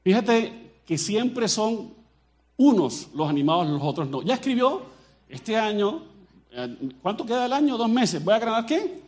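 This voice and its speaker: Speaking at an unhurried pace, a high-voiced Colombian pastor gives a lively sermon. His delivery is animated, and he jokes with the congregation while addressing them directly.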